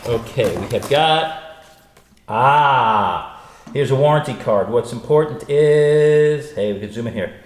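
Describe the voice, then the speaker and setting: Chatty male unboxing host from the United States, exclamatory and wry, mid-pitched, in a big room echo. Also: lively intonation, slow pace. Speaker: host and gear reviewer. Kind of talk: casual unboxing commentary. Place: untreated echoey room indoors. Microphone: stereo pair of studio microphones. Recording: big echoey room, clear reverb, faint noise.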